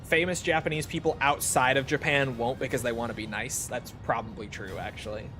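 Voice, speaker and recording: A man with a mid-range, steady voice talks briskly over music while streaming a game. He chats casually with viewers and replies to them, rambling, putting himself down, and swearing freely.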